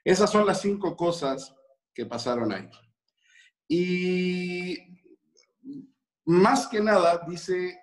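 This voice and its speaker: Man teaching a lively religious lesson. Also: a little high. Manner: animated, explanatory storyteller.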